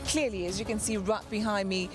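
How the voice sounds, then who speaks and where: A woman's voice: medium pitch, steady tone, brisk. A woman TV reporter with a polished, upbeat presenter delivery on a handheld mic. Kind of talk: broadcast reporting. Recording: music under the report. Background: music.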